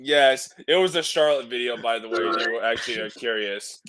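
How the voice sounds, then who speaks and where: A man's voice: medium pitch, brisk, crowd noise. A man in casual stream chat, rambling with hedging restarts and frequent laughs.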